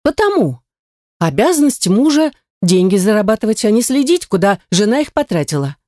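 A woman's voice: mid-range voice, sing-song, a little fast, warm tone, no room sound, studio quality, close to an everyday voice. A woman voicing a sassy young heroine who fires back with cheeky, indignant retorts. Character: sassy young heroine, quick-tongued and defiant.

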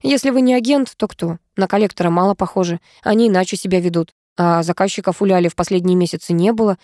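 A woman's voice: lowish voice, quick pace, a little mellow, no echo, clean studio sound, natural voice. Woman playing a weary middle-aged woman. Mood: matter-of-fact. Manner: tired, sighing, level.

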